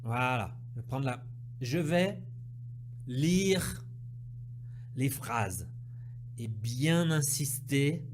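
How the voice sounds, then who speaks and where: Slow, patient male French teacher. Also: mid-range voice, lively intonation, noisy background. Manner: slow, patient, repeats words and sounds, keeps checking understanding. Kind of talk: language lesson, correcting exercises.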